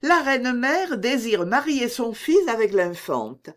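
Une lectrice qui fait une jeune femme douce et sérieuse, dans un roman lu à voix haute. La voix est haute et expressive, pleine de retenue tendre. Le rythme est lent et soigné. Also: female voice, a little high, slow, pitched above the performer's own voice. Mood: earnest. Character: gentle, reasonable young woman.

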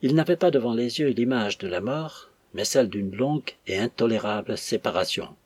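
Husky male audiobook narrator. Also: mid-range voice, animated, moderate pace, a little mellow, no echo.

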